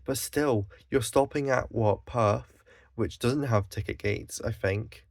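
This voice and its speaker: There's no room sound around this Scottish vlogger, whose medium-pitched voice is creaky and somewhat dark, and he speaks slowly. His monologue is exasperated and full of profanity, broken up by sighs and self-corrections.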